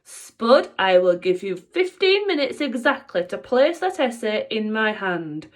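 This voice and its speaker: A woman's voice: on the high side, sing-song, unhurried. A woman voicing a cruel, gloating female schoolteacher in a children's storybook reading, snapping and relishing her words. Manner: sharp, snapping, relishing each word.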